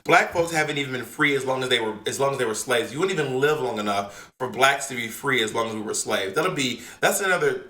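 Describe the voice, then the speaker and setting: An American man co-hosting a podcast in casual chat, animated and profane, acting out the people he quotes. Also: medium pitch, quick pace, hardly any pauses. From United States. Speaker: podcast co-host. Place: home in California, remote call. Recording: echoey room.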